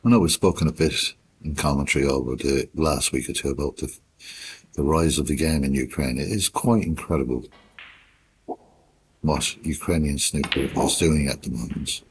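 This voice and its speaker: A man with an extremely low voice gives quiet, unhurried commentary in the style of a golf broadcast. His phrases are short and measured, with long gaps left between them, over clearly audible background noise. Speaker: snooker commentator.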